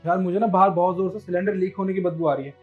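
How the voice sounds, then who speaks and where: A man's voice: high voice, fairly even intonation, fast talker, phone-quality sound, soft background music, lightly acted. A man playing an outraged betrayed husband. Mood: suspicious. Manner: accusing, indignant. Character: husband Nikhil, confronting a cheating wife. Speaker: actor in a short film. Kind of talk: melodramatic short-film acting.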